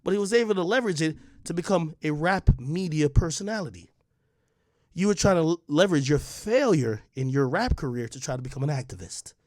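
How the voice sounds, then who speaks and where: An online media personality, this young man delivers a heated, confrontational direct-to-camera rant, hammering the same points again and again. His slightly high, a little mellow voice has lively intonation and a slightly fast pace, recorded dry and close with no room sound.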